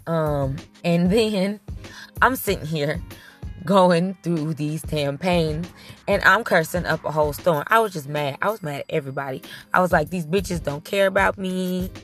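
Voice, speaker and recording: A woman telling a story in a casual, comic way, animated and blunt, swearing freely and often restarting her sentences. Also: low voice, moderate pace, faint music behind. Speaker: storyteller recounting her childbirth. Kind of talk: casual comedic storytelling to camera.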